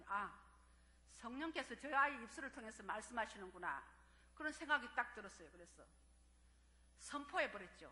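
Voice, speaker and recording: An older woman pastor preaching a heartfelt sermon, with dramatic swings from hushed storytelling to loud cries. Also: mid-range voice. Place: church sanctuary. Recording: echoey church hall with long reverb.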